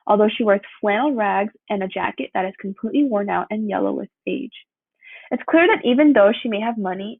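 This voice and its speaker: A young woman reading a prepared student presentation aloud. She keeps a steady pace and sometimes stumbles and corrects herself. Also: medium pitch, vocal fry, no room sound. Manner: steady read-through with occasional slips and self-corrections. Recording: dry, tinny phone-like sound.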